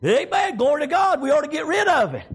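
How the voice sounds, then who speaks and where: Here a Southern-accented man delivers a fiery revivalist sermon, folksy and colloquial, punctuated by cries of praise. His voice is very high, swinging widely in pitch, and he talks at a quick pace.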